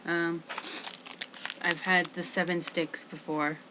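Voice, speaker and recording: Low-voiced woman reading snack labels. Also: level tone, takes it slowly. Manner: reads labels aloud, knowing and matter-of-fact. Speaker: vlog host. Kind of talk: casual group snack tasting. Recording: noisy home recording.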